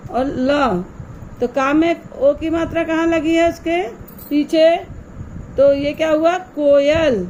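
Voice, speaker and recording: Slow, patient high-voiced woman teacher. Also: a little mellow, slight background noise, poor audio. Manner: slow, patient explaining with repeated questions to pupils. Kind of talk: online grammar lesson for young children.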